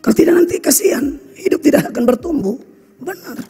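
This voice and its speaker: A pastor with a Kupang accent, preaching a blunt, scolding sermon full of local slang. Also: male voice, very high-pitched, animated, fast talker, mellow. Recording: reverberant hall with faint music.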